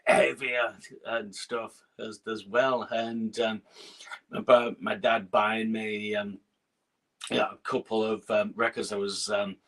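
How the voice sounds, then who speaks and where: A middle-aged guest musician from Scotland, with a northern English accent, chats casually in an interview over a video call. He speaks slowly in a lowish, flat voice, hesitant with lots of fillers, restarts, and soft laughs. The recording quality is low.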